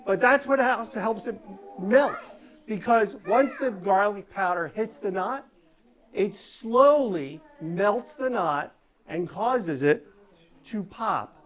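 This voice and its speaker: With lively intonation, a medium-pitched woman speaks slowly as a stage magician for kids. Her live show patter offers step-by-step instructions and keeps the audience going with frequent check-in questions.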